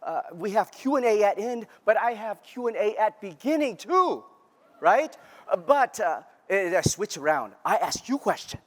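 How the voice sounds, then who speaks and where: A man's voice: sits high, lively intonation. Mr. Miyagi, put on by a man on stage. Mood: playful. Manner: halting, clipped broken-English phrasing. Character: old male martial-arts mentor, broken English. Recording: reverberant lecture hall.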